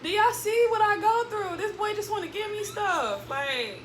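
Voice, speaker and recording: A woman's voice: very high voice, animated, moderate pace. A woman chatting casually and teasingly with her child during a meal, as a mother hosting a family video. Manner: playful, teasing. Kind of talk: casual chat with her child while eating. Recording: echoey room, clear background noise.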